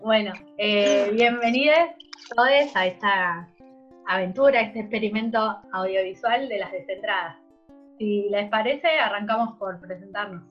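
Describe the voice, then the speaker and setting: A woman leading a casual group conversation, her voice mid-pitched and easygoing. She eases in with hesitant fillers. The sound is a bit dull, with quiet guitar music behind her. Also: measured pace. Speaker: host opening the session. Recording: slightly muffled, faint guitar music behind.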